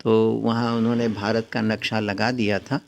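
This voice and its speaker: Gravelly older man from Varanasi. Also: on the low side, level tone, a little hiss or hum. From Varanasi region, India. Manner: unhurried reminiscing with frequent pauses. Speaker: guest house owner. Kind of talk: storytelling interview.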